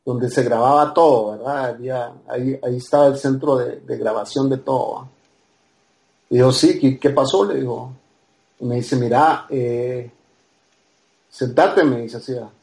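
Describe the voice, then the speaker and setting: A man's voice: medium pitch, steady tone, normal speed, vocal fry, a little mellow. A man with a Guatemalan accent, a podcast guest telling a personal story casually. He acts out the dialogue and keeps tagging his lines with a questioning "ah". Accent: Guatemalan Spanish.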